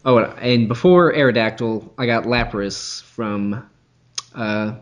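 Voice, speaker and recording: A man's voice: medium pitch, takes it slowly, lo-fi sound. Hesitant man explaining methodically. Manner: hesitant, many restarts and fillers, methodical. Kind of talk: casual chat.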